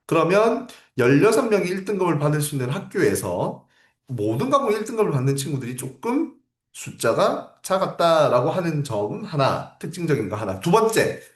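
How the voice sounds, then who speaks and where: Male teacher, raised pitch and lively delivery, emphatic and repetitive, in an echoey room. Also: moderate pace. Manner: emphatic, repeats key phrases, asks rhetorical questions. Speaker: academy teacher. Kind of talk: livestream lecture to parents.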